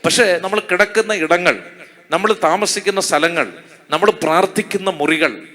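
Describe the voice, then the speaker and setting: A man preaching with a Malayali accent, his voice fairly high and bright, ringing out over the congregation. He repeats his points, fires off rhetorical questions and keeps pulling the crowd in to answer hallelujah. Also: moderate pace. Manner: call-and-response preaching, asks the crowd to say hallelujah. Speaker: priest. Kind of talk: sermon.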